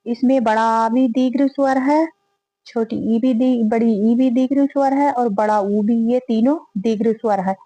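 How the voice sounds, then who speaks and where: A woman's voice: on the high side, fairly even intonation, moderate pace, mellow, no room sound, poor audio. A woman teaching a grammar lesson, reading out quiz questions and going through the answer options one by one. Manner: reads each question then lists and repeats the options aloud.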